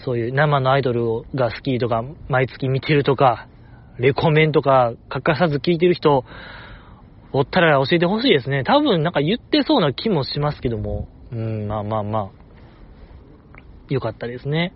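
A man with a Kansai Japanese accent hosts a podcast alone, chatting casually and repeating himself for emphasis. His mid-range voice is animated and moves at a normal speed, though the audio sounds dull.

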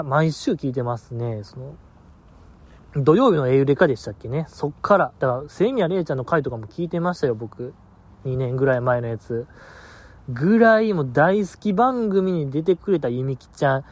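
A man hosting a podcast alone, chatting casually in a rambling, self-mocking and sleepy way. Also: a little high. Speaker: podcast host. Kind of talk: casual solo podcast chat.

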